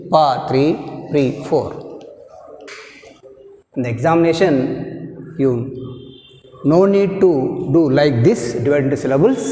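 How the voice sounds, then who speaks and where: A man with a Telugu accent teaching English word stress in an online lecture, drawing words out slowly and counting syllables. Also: on the high side, a little mellow. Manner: slow, drawn-out word pronunciation with repeated counting of syllables. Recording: echoey room with long reverb.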